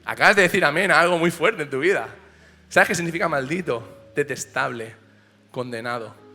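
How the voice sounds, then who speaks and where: A male pastor preaching a passionate sermon in a church, swinging from hushed lines to shouts. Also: on the high side. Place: church auditorium. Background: soft piano.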